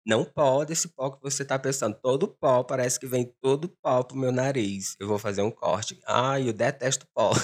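A man with a hoarse smoker's voice, hosting a casual confessional podcast in a dramatic, joking way. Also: mid-range voice, fairly even intonation, moderate pace, hardly any pauses. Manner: dramatic, joking, self-mocking. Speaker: podcast host.

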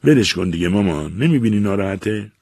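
A combative young woman in her twenties, as a male narrator puts her on, curt and always irritable. The voice sits slightly higher than the reader's own, still husky and close. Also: animated, darkish tone, no room sound, heavily acted. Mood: irritated.

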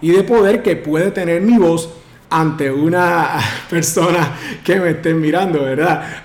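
A man coaching on public speaking, projecting his voice firmly with big deliberate swings in pitch. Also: darkish tone. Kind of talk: instructional talk to camera. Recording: roomy echo.

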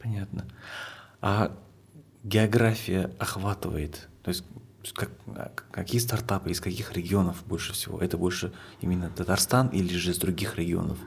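A man's voice: deep voice, steady tone, normal speed, creaky, a little hiss or hum. A man interviewing a guest, asking long questions and murmuring agreement as he listens. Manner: long questions, frequent quiet agreement sounds.

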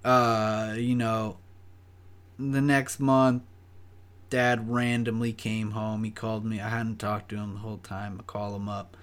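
A man's voice: fairly low pitch, level tone, a little slow, smooth. A young man casually telling a story, rambling and swearing with lots of fillers. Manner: profane, rambling, full of fillers.

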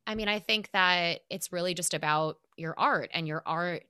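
A woman's voice: lowish voice, normal speed, bright, forceful tone, clean tone, no room sound, clean studio sound. A woman in her thirties co-hosting a podcast, talking earnestly in casual chat with lots of likes and you-knows. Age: 30s. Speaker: podcast co-host.

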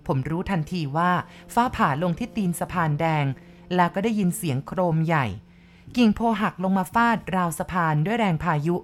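Low-voiced woman reading a ghost story. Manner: measured, vivid descriptive narration of a male first-person narrator.

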